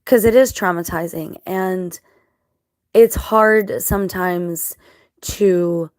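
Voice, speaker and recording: A vlogger speaks to her viewers in a fairly low, scratchy, slightly mellow voice, a little dry-mouthed from crying. Casual and earnest, she halts as she thinks things through, recorded close and dry with no room sound.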